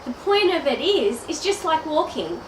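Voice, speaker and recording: Speaking straight to the viewer in a chatty video message to camera, an Australian woman in her thirties who works as an online business coach sounds stuffy-nosed from a cold. Her high voice has a sing-song lilt at a normal pace. The audio is roomy, somewhat far from the mic, with a little hiss or hum.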